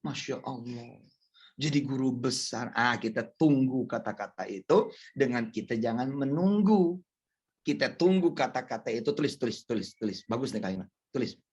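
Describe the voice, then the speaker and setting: A man's voice: mid-range voice, normal speed, breathy edge, highs cut off. A man preaching in a loose, joking way, acting out other people's words in a raised voice. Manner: lively, jokey, acts out quoted people in a raised voice. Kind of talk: casual, joking sermon.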